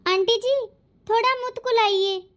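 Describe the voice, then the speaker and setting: A woman's voice: very high voice, moderate pace. A woman voicing a shy, eager young bride who speaks with a lisp in a cartoon. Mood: timid. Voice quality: lisping. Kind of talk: cartoon voice acting.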